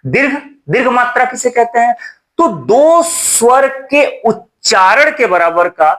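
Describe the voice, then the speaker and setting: Lively high-voiced man teaching at a board. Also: measured pace. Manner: repeats key terms, asks rhetorical check questions. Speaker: Hindi teacher. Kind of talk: exam-prep lesson at a board.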